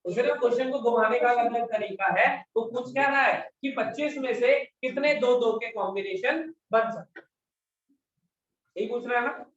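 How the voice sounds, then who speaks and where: With an extremely high, fairly bright voice at normal speed, a man teaches a math class, asking his questions twice and continually nudging students for answers. A faraway mic in an echoey room gives the recording a dull, lo-fi quality.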